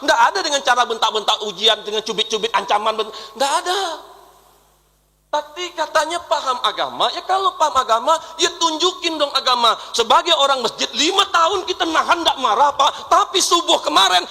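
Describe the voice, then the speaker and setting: A young man preaching a lively sermon in a mosque, repeating his phrases for emphasis. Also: extremely high pitch. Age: young adult. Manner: lively preaching, repeating phrases, mimicking voices in quoted dialogue. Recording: reverberant mosque hall.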